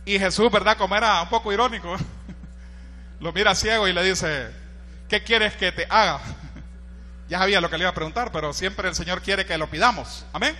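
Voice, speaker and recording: A Honduran-accented male pastor preaches with a very high, ringing voice. His delivery is animated, rising to shouts when he quotes a cry and dropping into asides to the congregation. A long hall reverb trails every phrase. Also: a little fast. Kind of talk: sermon.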